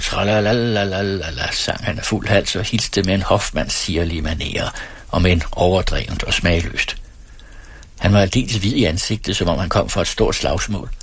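A man narrating an audiobook in a steady, even storytelling manner, close to the mic. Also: sits low, husky, no echo.

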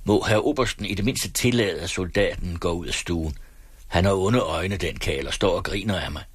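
A man voicing a sly, stubborn former cavalryman working as a farmhand, speaking plainly with calm, wry scorn. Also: low-pitched, husky, no room sound. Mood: pleading.

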